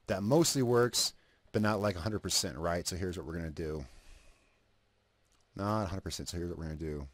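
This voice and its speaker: Dry and low, this man's voice carries casual commentary over a screen recording as he edits a video. He thinks out loud, loses his thread and picks it back up, swears now and then, and keeps a cigarette in his mouth the whole time.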